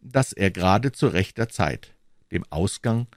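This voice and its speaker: A man narrating a classic novel as an audiobook reader in a measured, dramatic way. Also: low voice, animated, dry recording, studio quality. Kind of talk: scripted narration.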